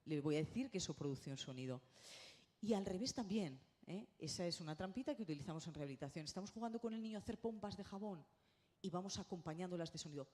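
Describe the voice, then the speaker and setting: A middle-aged woman giving a lively conference lecture as a speech therapist, often tagging her points with a quick question. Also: fairly low pitch. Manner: animated, lively, checks in with tag questions. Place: conference hall.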